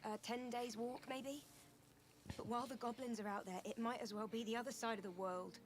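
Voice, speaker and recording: A woman's voice: on the high side, fairly even intonation, brisk, a little hiss or hum, lightly acted. An actress playing a wary refugee woman in a fantasy game. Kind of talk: fantasy game character acting.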